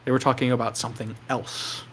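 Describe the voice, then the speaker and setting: A man narrating a tabletop game as game master, explaining deliberately with pauses. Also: medium pitch, little pitch movement, fairly bright tone, slight background noise.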